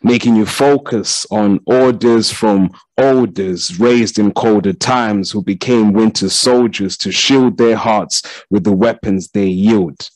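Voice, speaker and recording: A man performing a spoken-word poem in a smooth, low "DJ voice", at a measured, deliberate pace. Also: darkish tone, dry recording, low-quality recording. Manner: slow, low "DJ voice" delivery. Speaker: panelist and spoken-word poet.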